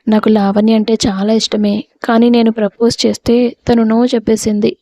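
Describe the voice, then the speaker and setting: A woman's voice: a little high, level tone, fairly quick, mellow, close to an everyday voice. A woman voicing a heartbroken young man, a team leader, complaining bitterly after being turned down. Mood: hurt.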